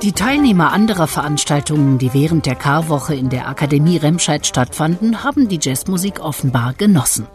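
A woman reporter giving calm, measured, scripted documentary narration. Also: sits low. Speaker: radio reporter. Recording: narration over loud music.

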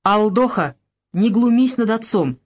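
Woman as a respected old village elder, steady admonishing tone, expressive pitch, storybook. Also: measured pace, breathy edge.

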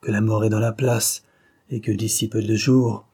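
A man's voice: on the low side, little pitch movement, normal speed, warm tone, slightly rough. A man reading the part of a dying, vengeful villain who sneers and threatens, in an audiobook. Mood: gloating. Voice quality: sneering, menacing.

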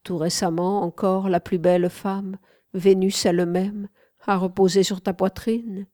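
A woman reading a devoted young man in an audiobook, pouring out fervent declarations of love. The delivery is slow and mellow, recorded dry and close. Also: mid-range voice, level tone, dry recording, lightly acted. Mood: wry. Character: young man smitten and submissive, lovesick servant.

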